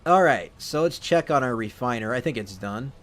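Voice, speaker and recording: A man casually commenting while he plays a video game, thinking out loud and often correcting himself. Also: medium pitch, animated, normal speed. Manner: rambling, self-correcting, thinking aloud. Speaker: let's play host.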